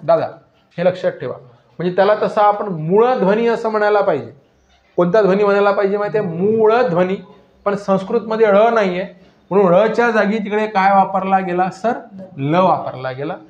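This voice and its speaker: A male teacher with a high voice runs a grammar lesson, firing questions and answering them himself, drilling each point by repetition. The recording is roomy and echoey, with a dull, lo-fi sound. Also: brisk, a little mellow.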